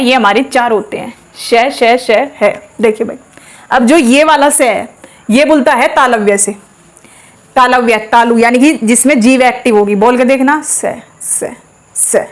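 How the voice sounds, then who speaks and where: A woman teaches a class with a slightly high voice. She goes step by step, stops to ask questions and then answers them herself. She sounds out each letter slowly for the class to repeat. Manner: says sounds aloud slowly for practice. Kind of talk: classroom lesson.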